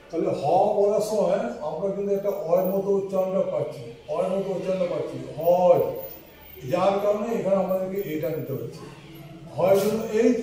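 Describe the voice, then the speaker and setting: Man, English tutor, fairly high voice, mellow tone, patient spelling out, roomy far-off sound. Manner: patient, repeats and spells out letters. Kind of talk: online class explanation.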